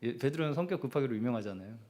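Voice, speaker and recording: A man's voice: medium pitch, animated, racing, dark tone. A middle-aged male pastor preaching a Friday prayer service sermon in a conversational style, often dropping in short affirming "yes" words. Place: church sanctuary.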